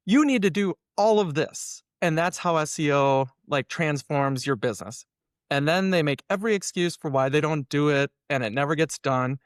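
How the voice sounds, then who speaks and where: In a dry, studio-quality recording, a man with a slightly high voice speaks as an SEO consultant on an interview. He explains casually and with strong opinions, animatedly acting out imagined dialogue along the way.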